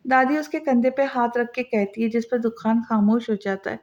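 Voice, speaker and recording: A woman narrating an audio novel in a steady storytelling read. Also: fairly high pitch, moderate pace. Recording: slightly dull lo-fi audio.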